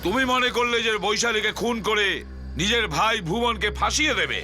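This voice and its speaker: An actor playing a righteous, taunting senior police officer, declaiming in an Indian TV crime drama. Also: male voice, high-pitched, a little fast, music in the background, lightly acted. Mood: righteous, condemning.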